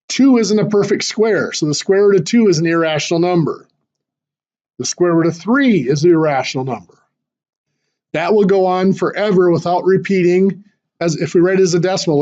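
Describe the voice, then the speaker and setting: A man walks his math class through each idea step by step, with small fillers and restarts. His voice is high, hoarse and darkish, and he keeps clearing his throat as he loses it, in a dull, lo-fi recording.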